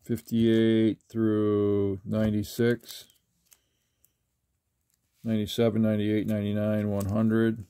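An older man talking casually while sorting trading cards, rambling with halting restarts. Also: fairly low pitch, completely flat delivery, warm tone, smooth, no room sound. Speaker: trading card collector. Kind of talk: casual card-flipping commentary. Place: indoors at a table.

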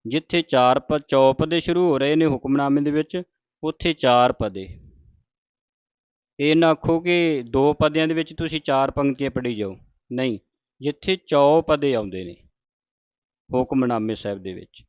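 A man teaching how to recite sacred verses, chanting lines slowly and then explaining where to pause. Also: mid-range voice, clear, resonant tone, dry recording, highs cut off. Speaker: Gurbani teacher. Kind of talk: recitation lesson.

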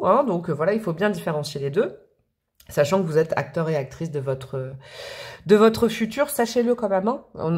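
Woman, tarot reader, lowish voice, chatty and rambling to camera. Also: darkish tone. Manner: chatty, rambling, with fillers and laughs.

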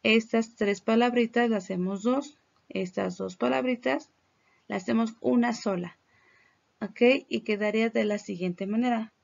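A Mexican woman teaches English in a recorded slide lesson, explaining patiently and modeling words for her students to repeat. Her voice sits a little high with a gravelly edge, and she speaks very slowly. The recording sounds dull and lo-fi. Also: a little mellow.

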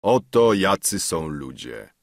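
A man voicing a stern old goldsmith sorcerer who speaks calmly and with quiet menace. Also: sits low, gravelly, dry recording, clean studio sound, full character voice. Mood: calm, ominous. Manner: calm, measured, quietly threatening.

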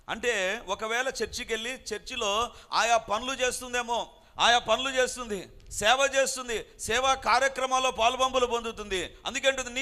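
A man's voice: very high-pitched, pushed and bright. A man preaching a sermon, emphatic and repeating his phrases, dropping into English lines now and then. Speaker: pastor.

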